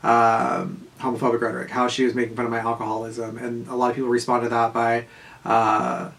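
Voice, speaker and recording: A man's voice: medium pitch, completely flat delivery, fairly quick, creaky, fairly bright tone. Man telling a rambling story. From Southern California. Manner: rambling, profane, laughs often, many fillers. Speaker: vlogger. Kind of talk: casual storytime monologue.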